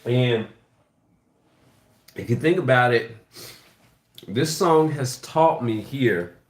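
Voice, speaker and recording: A man giving a casual live music lesson, thinking aloud in a halting way and often restarting his phrases. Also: mid-range voice, lively intonation. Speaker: music teacher hosting a livestream. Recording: echoey room with piano playing. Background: piano.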